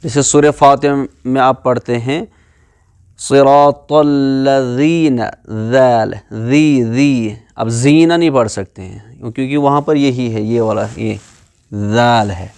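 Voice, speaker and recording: A man teaches pronunciation in a video lecture. His voice sits at an ordinary middle pitch. He stretches out single syllables, repeats them, and mixes English words into his explanations. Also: a little mellow. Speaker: Quran recitation teacher. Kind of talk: classroom lecture on letter pronunciation.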